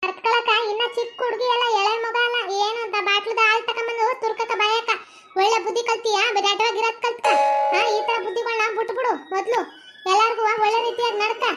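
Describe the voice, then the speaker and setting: A woman's voice: very high-pitched, flat delivery, fast, very noisy, pitched above the performer's own voice. A woman voicing a bossy older mother-in-law who scolds in a North Karnataka Kannada accent. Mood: scolding.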